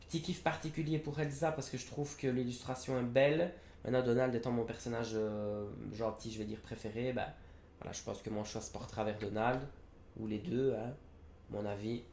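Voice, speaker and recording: A young man with a medium-pitched, darkish voice reviews trading card game products. He's casual and hesitant, often using fillers and correcting himself. The room has a roomy echo and faint background noise.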